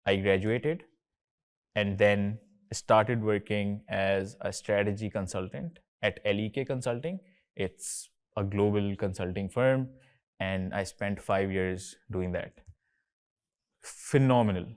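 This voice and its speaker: A man's voice: lowish voice, takes it slowly, a little mellow, smooth. A man in his thirties from Karachi with a Pakistani accent, hosting a casual, chatty talk with students and often slipping between English and Urdu. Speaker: host, company co-founder.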